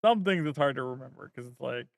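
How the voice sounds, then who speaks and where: A male vtuber streamer chatting casually with his viewers, rambling and thinking aloud with plenty of fillers. His voice has a gravelly edge, recorded dry and close with no room sound. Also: mid-range voice, expressive, quick pace, dry recording. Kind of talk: casual stream chat while working.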